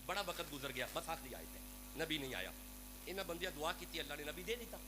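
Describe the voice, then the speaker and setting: A Sufi preacher from Pakistan with a Punjabi accent and a fairly high, expressive voice preaches a devotional sermon. Fervent and pleading, he turns directly to his listeners at the gathering. The recording is live, noisy, and humming.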